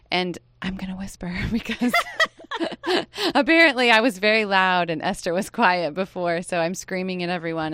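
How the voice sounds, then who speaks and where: A chatty, lively woman hosts a campus radio hour from the studio. Her voice comes through smooth and crisp. The room sounds dry, with no echo. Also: medium pitch. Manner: lively and chatty, laughs often. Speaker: radio show host. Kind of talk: casual campus radio chat.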